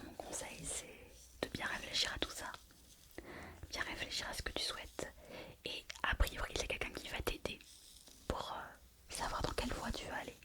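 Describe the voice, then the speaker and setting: A woman playing a mystical fortune teller in a whispered role-play, repeating her phrases as she reassures the listener. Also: lightly acted. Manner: slow, repetitive fortune-teller delivery, addressing the listener. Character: mystical female fortune teller reading horoscopes, mysterious and reassuring.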